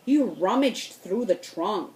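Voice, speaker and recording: A woman reading a children's storybook aloud in a slow, expressive way. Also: mid-range voice, roomy sound. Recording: voice distant from the mic.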